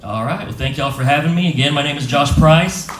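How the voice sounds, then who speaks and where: A man's voice: fairly high pitch, a little fast, recorded from a distance. A man running for office speaks in a friendly, chatty way during a campaign speech at a community rally. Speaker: political candidate. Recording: echoey hall, faint noise.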